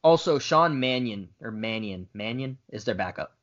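A man co-hosting a sports podcast, speaking in a laid-back way and pitching trade ideas. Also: animated, normal speed, fairly bright tone. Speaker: podcast co-host. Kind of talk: casual sports chat. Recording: dull lo-fi podcast audio.

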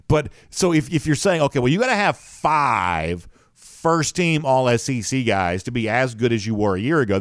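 A man's voice: mid-range voice, no echo, clean studio sound. A man hosting a solo sports podcast, talking conversationally with fillers and self-corrections. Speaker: podcast host.

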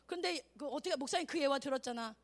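Very high-voiced animated woman preacher. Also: fast talker. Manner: animated, exclamatory, call-and-response; acts out quotes in voices. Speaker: evangelist. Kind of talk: sermon at a youth camp.

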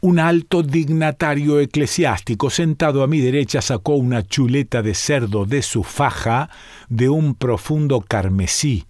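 A man reading a short story aloud in a calm, measured narrating voice. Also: mid-range voice, no room sound, studio quality. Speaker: reader.

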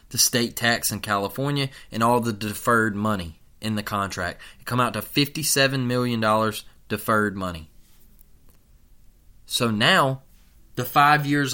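A male sports talk host in full rant, his voice bright and forceful at a middling pitch. He curses freely and repeats his lines for emphasis. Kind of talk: heated sports opinion rant.

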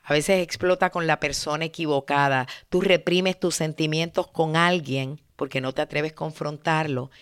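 Woman with a smooth, low voice. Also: moderate pace, hardly any pauses, no room sound, studio quality. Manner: animated, acts out sample dialogues. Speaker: podcast host. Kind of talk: direct advice monologue.

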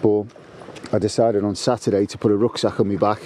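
A man out walking his dog on a canal towpath delivers a casual, rambling monologue, restarting frequently and leaning on fillers. A guest contributor, he speaks a little fast with a flat delivery and a dark voice on the low side. Birdsong and slight background noise are present.

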